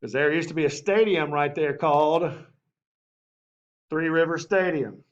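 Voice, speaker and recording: A man teaching a history class in a lively way, often asking the class and saying okay. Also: a little high, measured pace, muffled recording.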